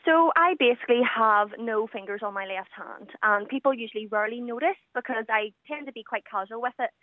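Speaking in a Northern Irish accent, this 21-year-old woman is a self-assured guest caller on a phone-in radio interview, loose and full of fillers. She talks briskly in a slightly high voice. There's no room sound, just a thin, tinny telephone line.

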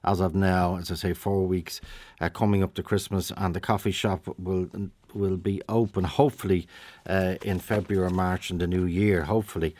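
An Irish man hosting a live radio phone-in, talking briskly and chattily with frequent restarts into a studio microphone. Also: low-pitched, a little mellow, dry recording.

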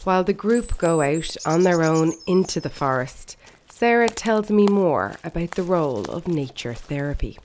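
A woman's voice: on the low side, big pitch swings, normal speed, hardly any pauses, darkish tone. A woman reporting for radio, narrating and asking questions. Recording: faint background noise.

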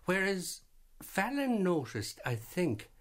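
A man with a high, very animated voice appears as a guest on a vintage radio program. His reflective interview talk is halting, with many fillers and restarts.

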